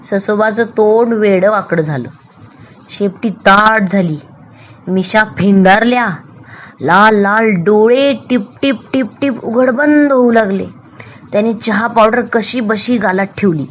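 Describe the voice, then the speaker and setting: Slow, expressive woman storyteller. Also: mid-range voice, dull audio, slight background noise. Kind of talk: children's book read aloud.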